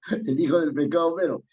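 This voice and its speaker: A man teaching an online spelling class, patient and questioning, chuckling now and then. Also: a little high. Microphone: video call. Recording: tinny phone-like call audio.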